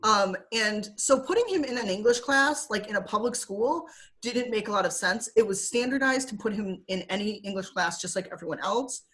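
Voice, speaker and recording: Speaking at a normal speed with lively intonation, this young Michigan woman has a mid-range, slightly bright voice. She's a chatty interview guest on a video call, full of fillers and quick to laugh.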